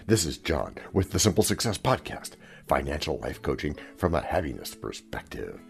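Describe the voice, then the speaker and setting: A man's voice: a bass voice, gravelly, a little mellow. A man hosting a scripted comedic podcast with a wry, theatrical delivery and playful asides. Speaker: podcast host.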